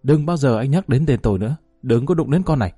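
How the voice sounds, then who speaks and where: A man's voice: mid-range voice, animated, fast talker, mellow, slightly rough, no room sound, studio quality, soft background music. Man putting on a fiery scorned woman. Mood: defiant. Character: fiery scorned young woman, sharp-tongued.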